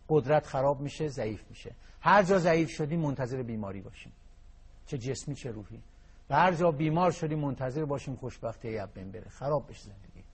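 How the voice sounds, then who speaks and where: A man giving an impassioned motivational talk, swinging between hushed and emphatic delivery and reciting verse. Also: medium pitch, breathy edge. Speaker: guest speaker on happiness and hope.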